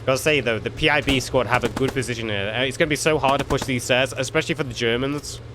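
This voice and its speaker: A man's voice: medium pitch, fairly even intonation, fast, noisy background. A man giving laid-back, chatty commentary on a multiplayer war game, swearing now and then. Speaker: gameplay commentator. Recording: loud game gunfire and vehicles behind.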